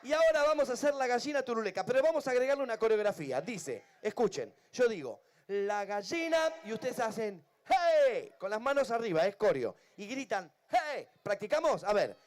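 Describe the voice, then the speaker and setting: A man's voice: extremely high pitch, lively intonation, fast talker, hardly any pauses. A man with an Argentine Spanish accent, a children's entertainer chatting playfully with a crowd at an outdoor event. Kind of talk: live stage banter with a crowd.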